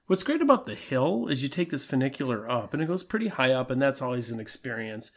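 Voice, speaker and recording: A man co-hosting a travel podcast, talking in a relaxed, easygoing way and laughing at himself. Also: medium pitch, quick pace. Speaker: podcast co-host. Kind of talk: casual travel podcast chat.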